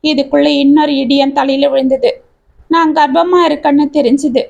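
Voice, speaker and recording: Sorrowful widowed mother, read by a woman storyteller; high, heartfelt, confessional storybook voice. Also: steady tone, moderate pace, gravelly, darkish tone, dull audio. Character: grieving widowed mother, pleading and tearful.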